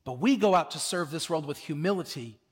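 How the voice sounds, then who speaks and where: A high-pitched male pastor delivering a sermon in a church, his voice ringing through a long hall reverb. He preaches earnestly, dropping to soft, slow phrases and then rising to loud, pressing emphasis. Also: expressive, husky.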